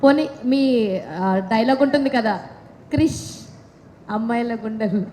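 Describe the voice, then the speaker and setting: A woman's voice: fairly high pitch, normal speed, darkish tone, big-room sound, a little hiss or hum. A woman, an entertainment reporter, pressing an actor with insistent questions. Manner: pushy, insistent.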